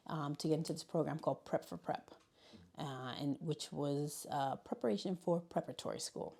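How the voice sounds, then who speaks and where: A high school learning specialist from New York City speaks in a low, dark voice with a gravelly edge. In an interview conversation, she reflects on how she came to teaching, telling it as a story and circling back, restarting, and using fillers as she thinks.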